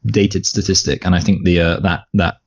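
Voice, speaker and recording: A man's voice: low voice, normal speed. A man co-hosting a movie podcast in casual chat, rambling with many restarts and fillers. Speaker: podcast co-host. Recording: dull lo-fi podcast audio.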